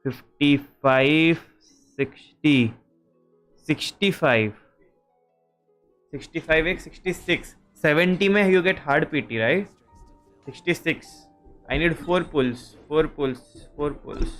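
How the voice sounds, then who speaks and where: A man's voice: on the high side, takes it slowly, pauses often, a bit bright, faint music behind. A young man with an Indian accent streaming a game, chatting casually in a mix of Hindi and English and restarting his sentences a lot. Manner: mixes Hindi and English, rambling, restarts often. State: struggling to speak smoothly. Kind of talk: casual live-stream chat. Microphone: headset taken off.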